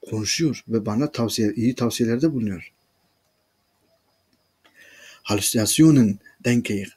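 Husky man reading and translating a story. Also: lowish voice, darkish tone. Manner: addresses listeners as friends, explains each sentence. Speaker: German language teacher reading a story. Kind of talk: reading a German story aloud and translating it line by line.

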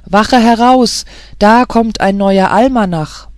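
A reader voicing gruff, scornful older male gate guards in an audiobook fairy tale, shouting harshly and mocking. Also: mid-range voice, lively intonation, measured pace, no echo, clean studio sound, lightly acted. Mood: barking.

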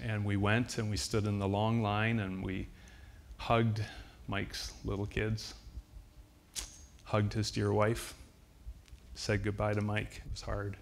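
A man, preaching a sermon as a pastor and telling a personal story in an earnest, heartfelt way with slow, emphatic repetitions. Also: lowish voice, monotone, creaky, a little hiss or hum. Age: 60s.

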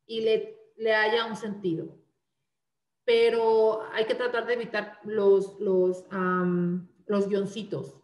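A woman's voice: medium pitch, level tone, slow, darkish tone, echoey room. A woman instructor giving an online class presentation with slides, explaining step by step with frequent "eh" fillers and restarts.

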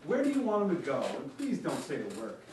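A man's voice: fairly high pitch, very animated, moderate pace, darkish tone, slight background noise. A man reading the lines of a defensive, guarded husband, curt and sullen. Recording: very echoey room, mic far off.

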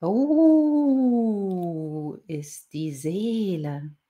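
A woman voicing a trapped, wise old male wolf who wails in pain and then speaks slow and solemn. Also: medium pitch, expressive, dull audio.

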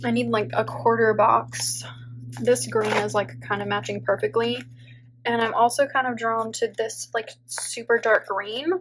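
Fairly high-pitched but flat, this woman's voice keeps a measured pace over slight background noise on a rough recording. She's in her thirties, a teacher and planner vlogger congested from allergies, casually thinking aloud in a plan-with-me voiceover full of "like" and soft laughter. An overhead camera captures her planner on her home table.

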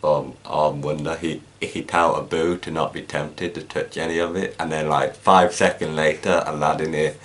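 A man chatting casually about a film with a co-host, speaking in halting phrases full of restarts. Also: a bass voice, little pitch movement, a bit bright. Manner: halting and hesitant, with restarts and fillers. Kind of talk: casual chat reviewing a film.

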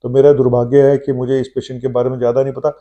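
A middle-aged man, a doctor, talking to the camera from his clinic about a case on a lapel mic, measured and thinking aloud with "uh" pauses. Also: mid-range voice, little pitch movement, mellow, dull audio. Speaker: doctor hosting his own health channel. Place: indoor clinic room. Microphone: lapel mic, seated facing the camera.

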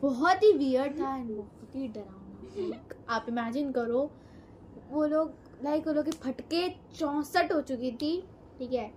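A teenage girl casually telling a horror story, animated and quick, mixing in English words, recorded on a phone in a room at home. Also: high-pitched, slight background noise. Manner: animated, fast, mixes Hindi with English. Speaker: co-host storyteller. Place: indoor room, on a sofa.

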